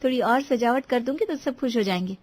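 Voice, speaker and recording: A woman voicing a well-meaning but clumsy young daughter-in-law in a cartoon, soft and apologetic. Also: on the high side, lively intonation, quick pace. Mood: eager. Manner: pleading and apologetic. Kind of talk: cartoon voice acting.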